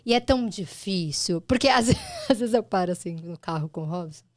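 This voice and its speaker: A woman's voice: on the low side, lively intonation, brisk, darkish tone, dry recording, studio quality. A woman with a Brazilian Portuguese accent hosting a casual conversation, telling stories with emotion. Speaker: host, mother.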